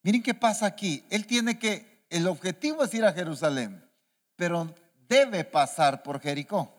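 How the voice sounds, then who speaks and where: Male apostle-preacher, high-ish and very animated, questioning his flock; reverberant church hall. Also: unhurried. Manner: animated, asks the congregation many questions. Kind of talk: sermon.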